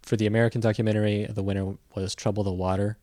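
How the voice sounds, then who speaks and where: A man with a fairly low voice talks through films in a relaxed, conversational way. He is thoughtful and hesitant, often restarting with "uh" and "um." The recording is close and dry. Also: very fast, no echo. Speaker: film critic reporting from a festival. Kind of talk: casual conversational review.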